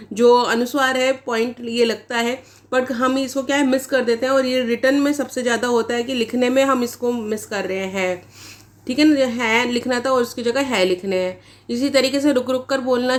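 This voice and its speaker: A woman teacher giving an exam-prep lecture, explaining points step by step and asking rhetorical questions as she goes. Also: fairly high pitch. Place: online class recording.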